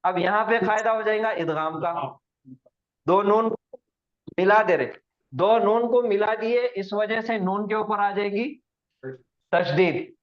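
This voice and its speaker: A man teaching an online Quranic Arabic recitation lesson, going slowly, repeating words for students to echo back and quizzing them on the rules. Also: high-pitched. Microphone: video call. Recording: dull lo-fi online class audio.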